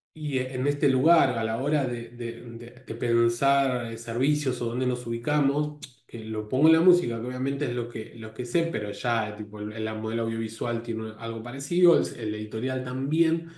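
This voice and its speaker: A man's voice: medium pitch, darkish tone. A man giving a live lecture to a course, often restarting his phrases and checking in with his listeners. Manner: stumbling restarts with tag questions. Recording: roomy echo.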